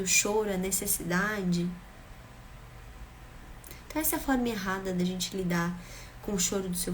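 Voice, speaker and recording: A woman's voice: mid-range voice, slight background noise. A woman speaking earnestly and emphatically, giving parenting advice straight to the camera and repeating phrases for rhythm. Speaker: parenting vlogger.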